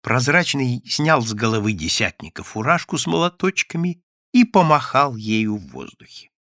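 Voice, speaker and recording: A man narrating a classic novel as an audiobook reader, lively and expressive. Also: mid-range voice, moderate pace, dry recording, clean studio sound.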